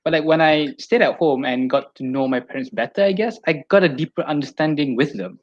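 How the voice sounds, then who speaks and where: Young Malaysian man, higher voice, dull audio. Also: fairly quick. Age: young adult. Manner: repeats phrases for emphasis. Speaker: podcast co-host. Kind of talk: casual chat.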